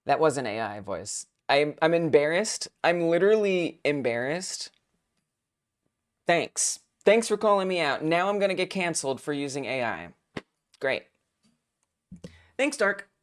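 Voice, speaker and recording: A young woman hosts a game-making stream in a low-set voice that swings widely as she reacts. She chats casually, teasing herself and getting worked up over small things. Her delivery is loose and expressive. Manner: excitable, self-mocking, quick to laugh. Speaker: host of a game jam stream. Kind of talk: casual live-stream chat.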